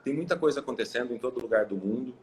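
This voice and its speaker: Racing along in a mid-range, slightly mellow voice, a Ribeirão Preto coffee exporter rambles casually on a live video call where he's a guest. Fillers and restarts pile up, and his accent is Brazilian Portuguese.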